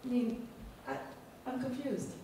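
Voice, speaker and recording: A woman's voice: high-pitched, unhurried. Emphatic woman in an echoey hall. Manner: emphatic, repeats herself. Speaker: symposium audience speaker. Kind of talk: open forum remarks. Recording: distant mic in echoey hall, faint noise.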